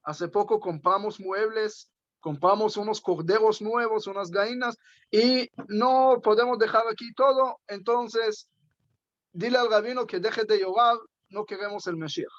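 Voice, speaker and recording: A man's voice: high-pitched, steady tone, measured pace, fairly bright tone, dull audio. A man doing a blunt peasant farmer in a told story. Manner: blunt, down-to-earth. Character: simple, worldly male peasant farmer.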